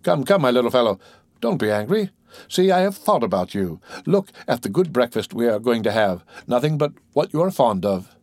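A man's voice: mid-range voice, very animated, moderate pace, darkish tone, dry recording. A man voicing a sly, sentimental old male innkeeper who talks in a wheedling, sententious way, in an audiobook.

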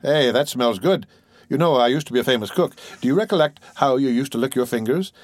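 A man's voice: mid-range voice, animated, a little fast, no echo, natural voice. A man voicing a sly, sentimental old male innkeeper who talks in a wheedling, sententious way, in an audiobook.

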